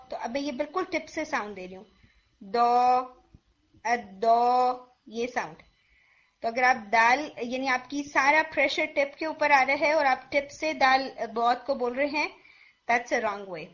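A woman with a high voice gives a patient pronunciation lesson, saying each sound slowly and repeating it. The recording sounds dull and lo-fi. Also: fairly bright tone. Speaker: Quran pronunciation teacher. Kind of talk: explanatory lesson mixing Urdu and English.

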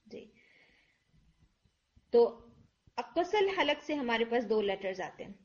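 With a fairly high voice and big swings in pitch, a woman teaches tajweed online, patiently explaining in Urdu laced with English. She voices each letter sound to demonstrate, on dull-sounding audio.

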